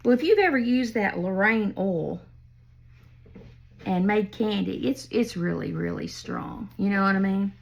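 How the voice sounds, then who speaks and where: An older woman with a medium-pitched, creaky voice speaks expressively and without hurry, though the audio sounds dull. She's a craft vlogger at home, telling family stories in a folksy, chatty way and laughing at her own tales while demonstrating a craft project.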